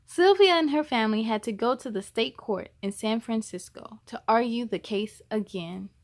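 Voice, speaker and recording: For a children's read-aloud story time, the host reads a picture book in a fairly high voice. She speaks deliberately and expressively, stressing key words the way a storyteller would for young listeners.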